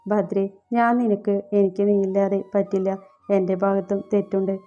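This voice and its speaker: A man's voice: high voice, completely flat delivery, normal speed, warm tone, lo-fi sound, faint music behind, natural voice. A woman reading the lines of a remorseful young husband in a romantic audiobook, in her own voice. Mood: pleading.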